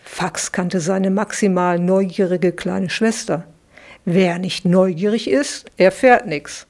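A woman, the author, reading her children's bedtime story aloud, giving the children lively little voices. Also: on the low side, takes it slowly.

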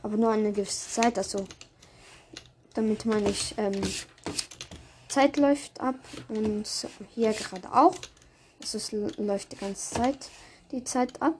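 A woman with a fairly high voice commentates her own video game play in a casual way. She reacts aloud in short bursts as she plays. Noise and keyboard clicking sit behind her voice. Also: measured pace, long pauses, a little mellow. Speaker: gamer commentating own gameplay. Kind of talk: casual live gameplay commentary.

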